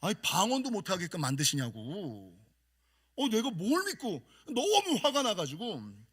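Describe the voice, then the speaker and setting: A middle-aged man, a senior pastor, preaching a sermon and telling stories in a lively way with self-mocking humor. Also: high-pitched, measured pace, husky.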